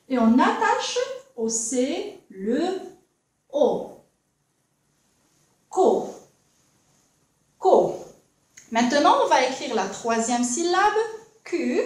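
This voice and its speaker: Woman teacher, high animated voice, slow patient delivery, distant mic, echoey classroom. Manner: slow, clear, lively teacher voice. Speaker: primary school teacher. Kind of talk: classroom lesson for young children.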